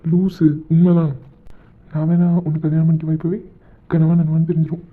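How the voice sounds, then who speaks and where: A man's voice: fairly high pitch, completely flat delivery, a little fast, lightly acted. A man voicing Aadhi, a blunt, teasing young man who scolds and bosses his friend, in an amateur audio drama. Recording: tinny phone-like recording.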